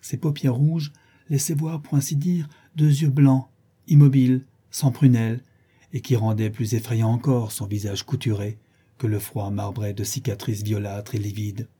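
A man narrating a classic novel in a measured, expressive reading. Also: mid-range voice, slightly rough. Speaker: audiobook narrator.

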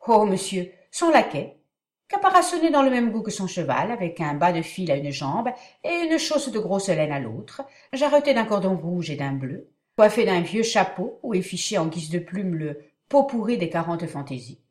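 An excitable young manservant, acted by a woman, bursts out in breathless exclamations and piled-up lists. The pitch leaps about in stage-comedy fashion, in an echoey room. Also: moderate pace. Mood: gleeful cataloguing. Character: excitable young male servant bursting with comic news. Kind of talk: dramatic reading of a classic stage comedy.

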